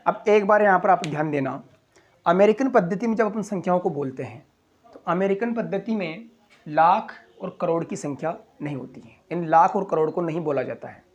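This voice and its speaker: A man teaching a school maths lesson, walking through place values slowly, step by step. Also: high-pitched, lo-fi sound. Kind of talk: classroom explanation.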